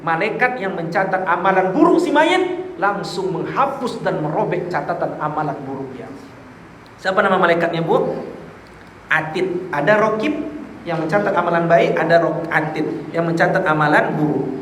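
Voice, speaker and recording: Lively high-voiced man preaching in an echoey hall. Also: moderate pace. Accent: Indonesian. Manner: lively, acts out quotes, addresses listeners directly. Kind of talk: sermon to a women's study group. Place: mosque hall. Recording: echoey hall, faint background noise.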